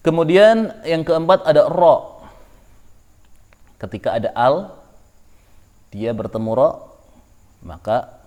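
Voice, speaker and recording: A man gives a slow, careful lesson at an unhurried pace. He works through each rule with patience, repeating the examples for his students. His pitch sits in the middle range. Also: a little mellow. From Indonesia. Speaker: Quran recitation teacher. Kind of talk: tajwid lesson.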